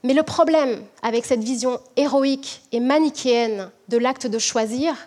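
A woman from French Guiana, a management professor, giving a measured, reflective prepared talk to an audience. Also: sits high, a little mellow.

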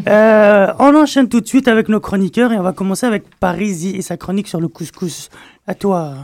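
Playful high-voiced radio host. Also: male voice, a little mellow, no room sound. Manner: playful, laughing, quick to tease. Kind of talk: lively radio hosting. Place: radio studio.

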